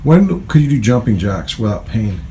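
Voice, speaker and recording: A man's voice: lowish voice, very animated, moderate pace, mellow, slight background noise. A middle-aged man coaching a student through exercises in an indoor jiu-jitsu gym, encouraging and commanding, counting reps aloud.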